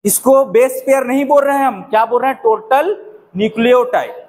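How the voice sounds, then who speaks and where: A man's voice: extremely high pitch, a little fast, darkish tone. A young man teaching a biology lesson, who keeps asking questions and answering them himself. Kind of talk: classroom-style lecture.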